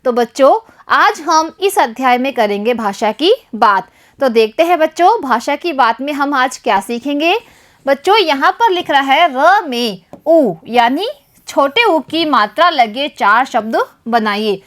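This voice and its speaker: A woman explains a Hindi lesson to young pupils with a high, bright voice. She talks slowly and patiently and often turns to the children directly. She stresses her sounds carefully, the way a primary teacher does. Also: lively intonation. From Rajasthan, India. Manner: addresses pupils repeatedly, stresses syllables slowly and deliberately.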